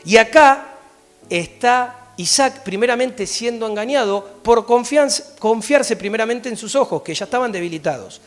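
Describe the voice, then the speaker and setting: High-voiced Argentine pastor preaching. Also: male voice, normal speed, faint music behind. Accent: Argentine Spanish. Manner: animated, often checks in with a rising "¿sí?". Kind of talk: sermon with Bible reading. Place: church.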